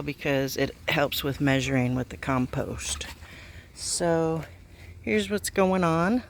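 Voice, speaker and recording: Man, slow halting delivery, slightly high voice, casual garden vlog, faint outdoor noise. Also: fairly bright tone. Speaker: gardening vlogger.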